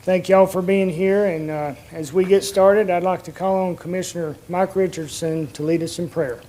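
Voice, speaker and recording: High-pitched man chairing a meeting. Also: steady tone, normal speed, dark tone, low-quality recording. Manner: polite, procedural. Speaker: commission chairman. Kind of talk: formal meeting procedure. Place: indoor public meeting room.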